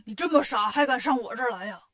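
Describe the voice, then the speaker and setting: A woman's voice: on the high side, lively intonation, quick pace, fairly bright tone. Woman playing a sly demon king, blustering, scheming, storybook voice. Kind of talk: storybook character voice.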